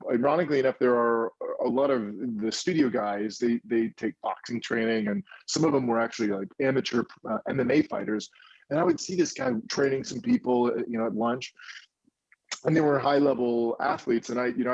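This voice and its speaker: A man in his thirties, an indie film producer telling stories in a casual interview, animated and rambling with many restarts. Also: mid-range voice, creaky, no room sound, lo-fi sound.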